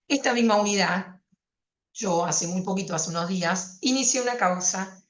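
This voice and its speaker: A woman's voice: medium pitch, moderate pace, reverberant. A woman prosecutor giving a university lecture on consumer law, explaining conversationally with fillers and rhetorical questions.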